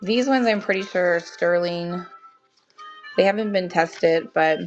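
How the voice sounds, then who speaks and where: Unhurried and fairly low, the voice comes from a young woman who has a cold and sounds worn thin. She runs a live auction with casual chatter, greeting viewers by name, on a dull lo-fi stream with faint music.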